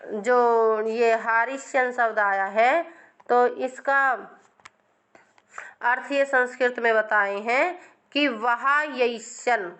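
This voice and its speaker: A woman's voice: a little high, a bit bright. A woman teaching an online exam-prep Sanskrit lesson, explaining a text word by word and checking that her students follow.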